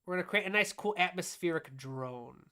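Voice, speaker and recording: A woman's voice: lowish voice, animated, moderate pace, pushed and bright. A woman teaching music production on a live stream, explaining her steps aloud as she demonstrates and answering her own questions.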